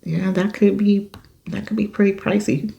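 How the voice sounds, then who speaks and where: A woman's voice: medium pitch, little pitch movement, moderate pace, creaky, dark tone. A woman podcast host reading a listener's letter aloud and reacting to it in an emphatic, outspoken way. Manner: emphatic, outspoken, swears when upset.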